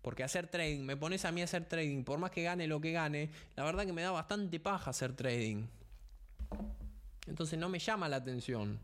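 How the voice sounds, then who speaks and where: A man's voice: on the high side, fairly bright tone. A young man with a Rioplatense Spanish accent giving an emphatic motivational business talk, speaking straight to the listener. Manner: emphatic, punchy, addresses the listener directly. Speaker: podcast host.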